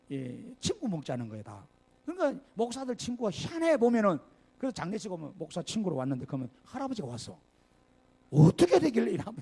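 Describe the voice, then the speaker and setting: Gravelly older pastor with Gyeongsang accent. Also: male voice, fairly high pitch. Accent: Gyeongsang Korean. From Gyeongsang region, Korea. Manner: lively, conversational preaching with asides and rhetorical questions. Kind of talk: sermon. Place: church sanctuary.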